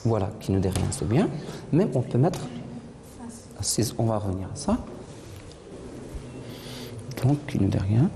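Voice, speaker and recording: A woman's voice: a bass voice, very animated, measured pace, vocal fry, long pauses. A woman teacher leading a French literature lesson in a classroom, patiently repeating her pupils' answers. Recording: echoey classroom, noisy, from a distance.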